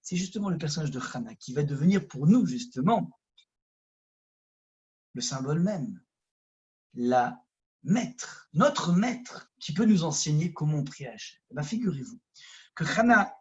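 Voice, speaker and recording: A rabbi from France with a Parisian accent, giving a conversational lesson that swings from loud emphasis to hushed asides. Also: male voice, fairly high pitch, sing-song, unhurried, long pauses, dull audio. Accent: Parisian French. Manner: addresses listeners directly, conversational. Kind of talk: lively Torah lesson.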